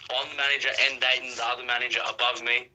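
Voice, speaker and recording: A man's voice: medium pitch, flat delivery, very fast, pushed and bright. A young Australian man chatting casually and telling slangy anecdotes over an internet phone call. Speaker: caller. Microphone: WhatsApp phone call.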